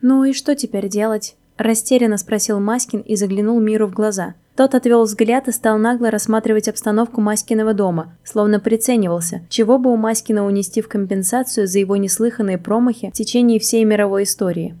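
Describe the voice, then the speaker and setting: A woman narrating a whimsical storybook in an even, wry reading manner. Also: mid-range voice, a little fast, few pauses. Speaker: audiobook narrator.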